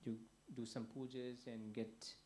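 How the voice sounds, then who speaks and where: A soft-spoken young man from Fiji tells his story hesitantly, pausing often and restarting his sentences. His voice is flat and even, with a dark, mellow tone. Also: mid-range voice, slight background noise. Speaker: guest. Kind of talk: personal testimony.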